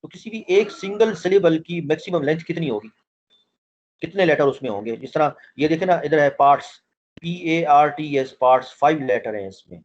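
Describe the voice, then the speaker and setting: A man's voice: a little high, fairly quick, highs cut off, a little hiss or hum. A man teaching a language class online, explaining things step by step and often repeating his point as he quizzes his students. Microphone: online call audio.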